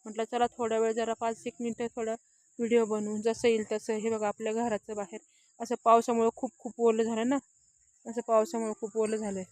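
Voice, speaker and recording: A woman's voice: a little high, flat delivery, a little fast, a little mellow, no echo. A woman vlogging casually about her home outdoors at dusk, filming on a phone as she walks and chats, often repeating herself to point things out. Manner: chatty, repeats "hey bagha" often. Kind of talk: casual home tour vlog.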